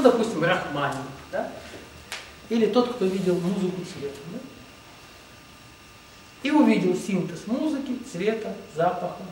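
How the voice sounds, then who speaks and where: A spiritual teacher gives a rambling, emphatic lecture, frequently saying "ну, допустим" ("well, let's say"). His voice is high with a darkish tone and a little hiss or hum, captured in an echoey room from a distant mic.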